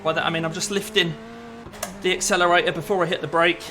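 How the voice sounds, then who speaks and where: A man with a fairly high voice gives casual, chatty commentary as he races. He thinks aloud about his driving and strategy. Car engine noise is clear behind him. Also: steady tone, fast talker. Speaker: sim racing driver and commentator. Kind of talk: casual running commentary while racing. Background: racing car engine.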